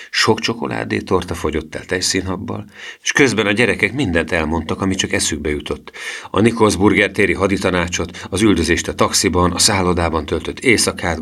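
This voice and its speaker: A man narrating a children's storybook aloud in an expressive, lively way. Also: low voice. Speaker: audiobook narrator. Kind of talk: storybook reading.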